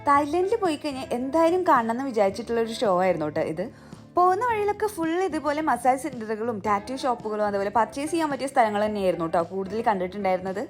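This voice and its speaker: A woman's voice: a little high, expressive, fast, soft background music. A woman narrating a travel vlog in a chatty way, mixing English words into Malayalam. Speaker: travel vlogger. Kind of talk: scripted vlog voice-over narration.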